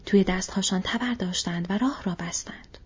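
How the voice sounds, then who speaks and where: A woman narrating a fantasy audiobook in a soft, hushed storytelling manner. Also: medium pitch. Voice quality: breathy. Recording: dull lo-fi audio.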